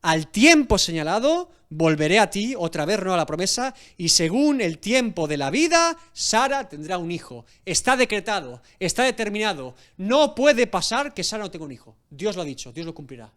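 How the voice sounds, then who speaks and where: A man's voice: high-pitched, normal speed, few pauses. A male pastor giving an expository sermon, telling the story with animation and acting out scenes. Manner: animated storytelling, acts out scenes, laughs often.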